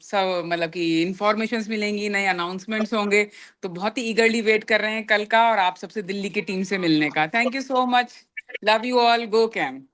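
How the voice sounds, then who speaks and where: A woman's voice: medium pitch, normal speed, fairly bright tone. A woman leading a motivational business meeting, explaining with everyday examples in an earnest way. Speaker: business team leader. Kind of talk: motivational group talk.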